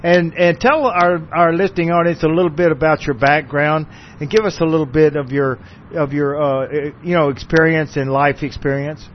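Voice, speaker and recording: A man's voice: a little high, steady tone, moderate pace, a little hiss or hum. A man hosting a casual radio interview, rambling with restarts. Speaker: radio host. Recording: dull lo-fi radio recording.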